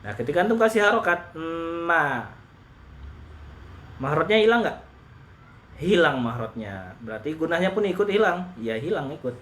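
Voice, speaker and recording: A man teaching Quran recitation in a relaxed lesson, patiently repeating rules slowly and demonstrating letter sounds. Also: on the high side, slight background noise. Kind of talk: relaxed online tajwid lesson.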